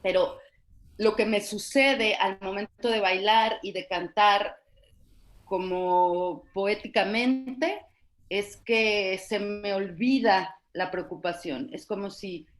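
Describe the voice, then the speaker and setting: Woman, Mexican accent, reflective casual talk, pauses and fillers, video call sound. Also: medium pitch. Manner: thoughtful, searching, many fillers. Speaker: panel guest.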